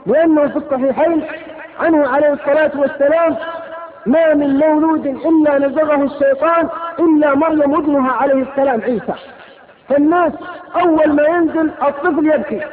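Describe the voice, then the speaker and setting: A man delivers a fiery sermon in a very high, piercing voice. He rushes through rhetorical questions and scolding lines at a brisk pace. The recording is thin and phone-like, with a long hall reverb trailing behind him. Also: fairly even intonation. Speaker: preacher.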